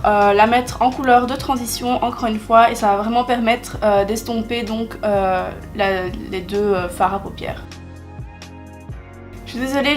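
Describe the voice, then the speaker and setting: Chatty young woman with a bright voice. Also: fairly high pitch. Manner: chatty, full of filler hesitations, self-deprecating. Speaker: beauty vlogger. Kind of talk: makeup tutorial narration.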